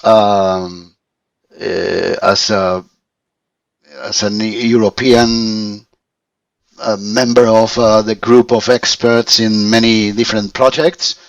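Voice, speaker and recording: A Spanish man in his fifties, a learner of English, speaking in halting phrases with many restarts as he searches for words. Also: lowish voice, little pitch movement, vocal fry, no echo, far from the mic, low-quality recording. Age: 50s. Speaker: language student. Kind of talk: conversational English lesson.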